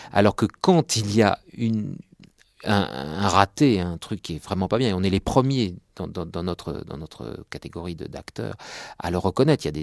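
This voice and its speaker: Dubbing actor being interviewed: gravelly, low, dry sound, earnest, searching for words. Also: male voice, dry recording. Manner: earnest, hesitant, repeats words. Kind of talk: interview answers.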